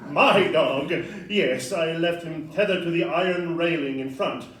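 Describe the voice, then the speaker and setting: Amiable, polite Victorian gentleman doctor for a male actor, high voice, echoey stage recording. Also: measured pace. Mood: mild, obliging. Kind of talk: stage audio-play acting. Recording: echoey room, distant mic, faint noise.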